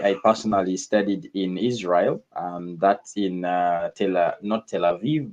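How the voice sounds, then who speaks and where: Guy being interviewed, really low voice, kinda dull lo-fi sound, lots of uhs. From northern Uganda. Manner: measured, frequent uh fillers and repeated words. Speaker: radio show guest. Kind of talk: conversational interview.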